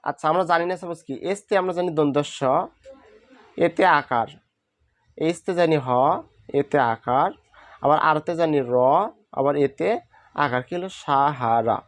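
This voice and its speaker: A man's voice: fairly high pitch, normal speed, pauses often, no room sound. A man teaching a spoken lesson, patiently asking questions and answering them himself. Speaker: English teacher.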